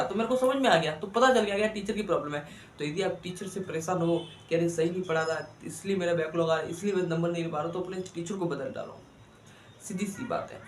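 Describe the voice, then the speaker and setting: A man's voice: high-pitched, reverberant, a little hiss or hum. A man giving students exam study advice, asking rhetorical questions and coaxing them. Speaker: exam coach.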